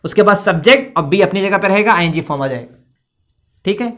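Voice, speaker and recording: A woman's voice: medium pitch, lively intonation, brisk. A woman teaching English grammar at a board, explaining patiently step by step, checking in after each point and spelling words letter by letter. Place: indoor classroom with a board.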